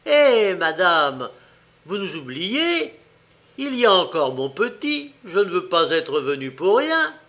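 Stubborn small shopkeeper in a storybook, loud, pleading, slow; a man plays him. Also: high voice, sing-song, pitched above the performer's own voice, exaggerated voice. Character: stubborn poor little male shopkeeper, pushy.

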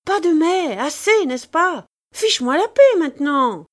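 A woman's voice: big pitch swings, measured pace. A woman reading a story, putting on the voice of a shrewish, sarcastic bourgeois wife who scolds her husband. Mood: scornful. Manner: scolding, shrill, contemptuous.

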